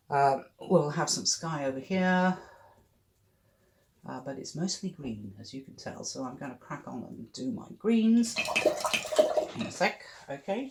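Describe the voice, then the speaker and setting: British accent, art tutor, live painting demo, chatty, talks while working. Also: mid-range voice. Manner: chatty, thinks aloud, cheerful asides. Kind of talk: live acrylic painting demonstration.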